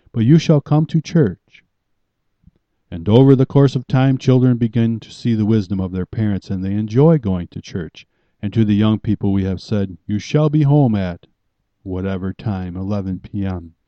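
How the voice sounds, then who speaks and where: A man with a low voice preaches a sermon with firm, emphatic commands. His delivery is deliberate and pastoral. The recording is dry and somewhat muffled. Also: mellow, dry recording.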